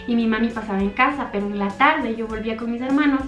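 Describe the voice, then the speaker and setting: A young woman speaks in a somewhat high voice, telling a personal story from her childhood to her viewers. Her delivery is earnest and intimate. The room gives her voice a noticeable echo. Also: fast, a bit bright, soft background music. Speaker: YouTuber. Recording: echoey room.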